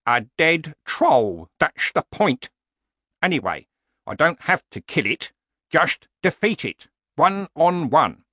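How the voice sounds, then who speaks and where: A man's voice: a little high, big pitch swings, slow, sharp tone, no echo, clean studio sound, voice pushed up, full character voice. A man voicing an elderly barbarian hero in a storybook, grumpy, stubborn and world-weary, with a blunt, grumbling manner.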